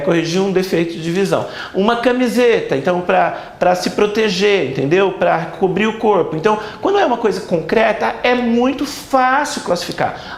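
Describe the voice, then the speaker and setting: A man's voice: high-pitched, creaky, reverberant. A man teaching a grammar class, emphatic and repetitive, checking often whether students follow. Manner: emphatic, repeats key points with rhetorical checks. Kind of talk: classroom lecture.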